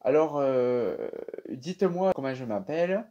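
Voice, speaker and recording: A young man with a French accent casually telling viewers about a dream, animated and chatty with many fillers. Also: medium pitch, a little slow, highs cut off. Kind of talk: casual storytelling to camera.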